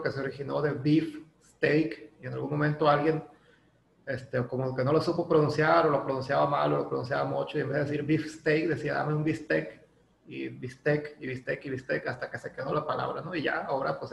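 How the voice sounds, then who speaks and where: A man's voice: on the high side, fairly even intonation, brisk, vocal fry. A man with a Mexican Spanish accent teaching an English lesson in a chatty way, using lots of fillers and tag questions. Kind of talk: casual classroom lesson. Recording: echoey room with faint ambient noise.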